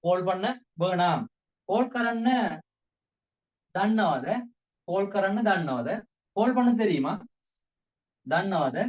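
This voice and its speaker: Sri Lankan Tamil man teaching, slightly high voice. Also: animated, dull audio. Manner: repeats words slowly for drill. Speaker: language teacher. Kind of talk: casual spoken lesson.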